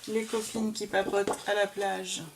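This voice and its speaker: A woman's voice: medium pitch, level tone, normal speed, very noisy. A woman chatting casually and enthusiastically as she shows off scrapbooking papers, with lots of fillers. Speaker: crafting vlogger.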